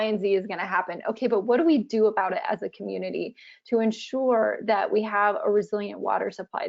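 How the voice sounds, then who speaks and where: A woman's voice: medium pitch, gravelly. A woman answering as a webinar panelist in a conversational way, with frequent fillers like "you know". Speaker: webinar panelist from a climate research program. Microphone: video call with poor audio. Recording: dull lo-fi video call audio.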